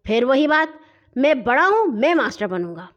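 A woman puts on a bossy bully boy from a children's storybook. He scolds loudly in a high, lively voice that rushes along. The recording is dull and lo-fi. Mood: scolding. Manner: loud, scolding, quick.

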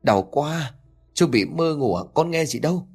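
A man's voice: fairly high pitch, animated, a little slow, a little mellow, breathy edge, soft background music, voice pushed up, exaggerated voice. A man voicing a cheeky young male truck driver who teases and complains. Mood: pained. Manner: teasing, whiny.

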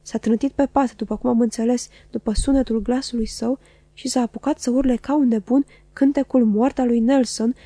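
Woman audiobook reader, mellow dark tone, fairly high pitch, dry close sound. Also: no room sound. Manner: measured, even reading. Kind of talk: scripted literary narration.

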